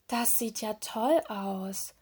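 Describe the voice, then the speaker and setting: A woman's voice: sits high, animated, normal speed, a little mellow, pitched above the performer's own voice. A woman doing an eager little mermaid girl. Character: young mermaid girl, eager and kind-hearted.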